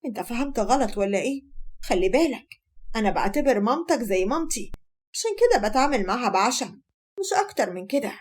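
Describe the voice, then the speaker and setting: A woman's voice: fairly high pitch, sing-song, fast talker, husky. A woman voicing a defensive young Egyptian wife who protests to her husband. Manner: defensive, nervous.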